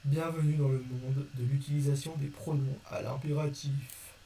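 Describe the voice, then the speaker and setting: A man's voice: mid-range voice, fairly even intonation, moderate pace, mellow, a little hiss or hum. A man teaching a constructed language in a casual video lesson, talking informally and often correcting himself mid-sentence. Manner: informal, self-correcting, lots of fillers.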